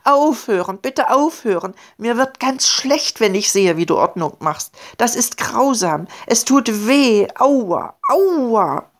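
A woman's voice: on the low side, sing-song, moderate pace. Woman voicing a cheeky blue mess creature. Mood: whining. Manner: indignant, mischievous, whiny.

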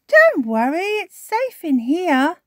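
A woman's voice: high-pitched, sing-song, unhurried, a little mellow, no echo, clean studio sound, voice pushed up. A woman voicing a cheerful, bossy little girl pig in a storybook reading. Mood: bossy chirpy. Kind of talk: storybook read-aloud.

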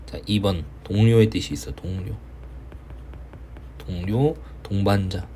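A man gives an English reading lesson to teenage students, with a somewhat low voice and a loose, joking manner. Faint background noise sits under the recording. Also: fairly even intonation, a little slow, mellow. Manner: casual, joking teacher, banter in plain speech. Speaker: English tutor. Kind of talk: online lecture to high school students.

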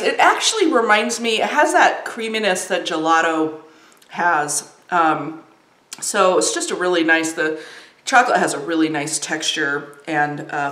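A woman chatting casually while reviewing and tasting snacks, with lots of ums. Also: fairly low pitch. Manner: chatty, warm, frequent ums. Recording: roomy echo.

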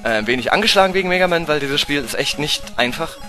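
A German-accented man playing through a game and talking the whole time, his voice bright and a touch high. He swears at the game and swings between low grumbling and yelps of panic. He sounds like he is at a home desk mic, with the game's music playing faintly underneath. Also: quick pace. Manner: excitable, swears at the game, swings from mutters to shrieks. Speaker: let's play gamer. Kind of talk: live gameplay commentary.

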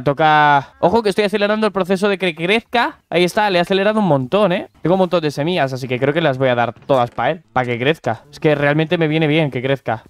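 A man's voice: fairly high pitch, smooth. A young man with a Spain Spanish accent, chatting casually and joking with viewers while playing a game. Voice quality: slangy, joking, talks to viewers and animals. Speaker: gaming YouTuber. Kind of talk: casual gameplay commentary.

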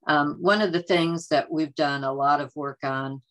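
A woman's voice: low-pitched, fairly even intonation, normal speed, fairly bright tone, rough recording. A woman presenting a farmers market workshop over a video call, talking in a conversational, earnest way with many "uh"s and "um"s. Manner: frequent fillers, conversational and earnest. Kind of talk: presenting slides in a webinar. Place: home or office on a video call. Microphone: computer mic on a video call.

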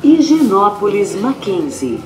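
A woman's recorded voice announcing the next stations over a subway train's loudspeaker intercom, formal and measured. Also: mid-range voice, sing-song, a crowd in the background. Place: inside a moving subway train. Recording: echoey, distant onboard loudspeaker.

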